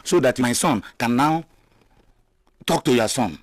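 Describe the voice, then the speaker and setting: A man's voice: medium pitch, unhurried, no echo, natural voice. A man with a Nigerian accent playing a hospitable older friend who reassures a worried guest in a film. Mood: reassuring. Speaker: J K, a family friend. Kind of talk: Nollywood film acting.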